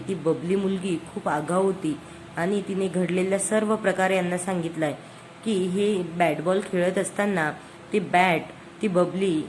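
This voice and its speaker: Low-voiced woman recapping a serial. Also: a little mellow, slight background noise, rough recording. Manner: plain storytelling, quotes each line of dialogue. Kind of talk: casual spoken episode recap.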